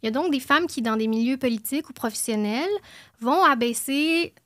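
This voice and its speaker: A woman's voice: high voice, brisk, a bit bright, no room sound, studio quality. A woman with a Quebec French accent, a podcast guest explaining her points in a casual chat. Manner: explanatory, chronicle-style delivery.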